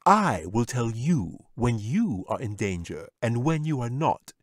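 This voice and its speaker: A man voicing a smug, condescending male wizard who speaks in a smooth, commanding way. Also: medium pitch, sing-song, measured pace, no echo, clean studio sound.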